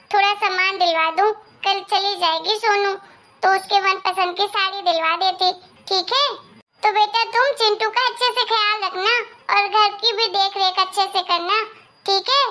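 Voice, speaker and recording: A woman's voice: very high-pitched, steady tone, moderate pace, sharp tone. A woman voicing a doting, indulgent older mother and mother-in-law who soothes her daughter, in a Hindi moral story cartoon.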